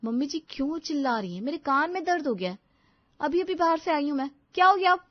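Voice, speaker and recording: A woman's voice: high voice, sing-song, quick pace, no echo. Woman playing a bratty spoiled young bride. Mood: dismissive. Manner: bratty, dismissive whining. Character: lazy spoiled young bride, rude and dismissive. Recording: dull lo-fi dry recording.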